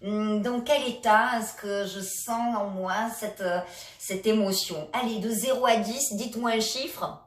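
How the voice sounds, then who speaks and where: A woman leading a laughter yoga session, coaching gently with many hesitations. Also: medium pitch, measured pace. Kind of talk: guided exercise session. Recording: echoey room, a bit far from the mic.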